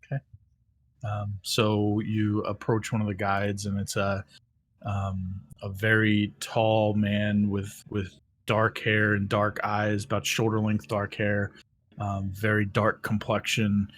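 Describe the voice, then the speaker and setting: A man with a fairly low voice runs a tabletop game, describing the scene in loose, rambling narration full of ums and restarts. Faint room noise hums under his voice. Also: monotone, slow pace, a bit bright. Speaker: game master.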